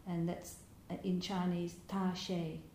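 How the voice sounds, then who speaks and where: A woman giving a Buddhist dharma talk as a meditation teacher, speaking gently and reflectively, with soft laughs and small hesitations. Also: on the low side, little pitch movement, measured pace. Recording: roomy hall with faint background noise.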